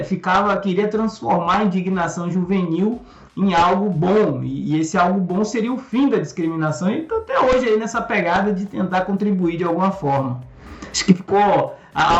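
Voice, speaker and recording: A man from Salvador, a guest explaining comics at length in a thoughtful way with frequent fillers. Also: high voice. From Salvador, Brazil. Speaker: guest, comics channel host. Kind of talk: casual explanatory chat. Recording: echoey, muffled room over a call.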